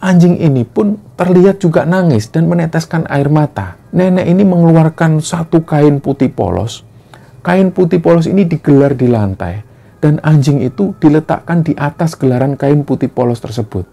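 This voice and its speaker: A man narrating a horror story in a steady, earnest storytelling manner. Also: a little high, moderate pace, gravelly. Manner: steady, earnest retelling with frequent "nah".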